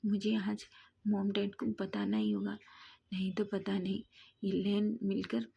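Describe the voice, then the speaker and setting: A woman narrating a fan fiction love story aloud in steady storytelling. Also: mid-range voice, unhurried, gravelly, husky, dull audio.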